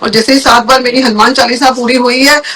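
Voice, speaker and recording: A woman with a high, light voice tells a personal testimony as an interview guest. She speaks earnestly and often doubles her words to stress a point. Her delivery is heartfelt and conversational rather than scripted. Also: steady tone, brisk, bright, forceful tone, slight background noise. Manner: earnest, repeats words for emphasis. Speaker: guest telling a personal faith story.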